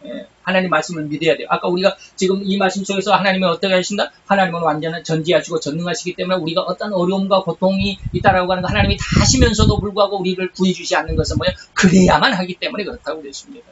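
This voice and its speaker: A man teaching Bible doctrine in a chatty, conversational way, halting often with fillers and self-corrections. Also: sits high, steady tone. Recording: dull lo-fi recording with faint hiss.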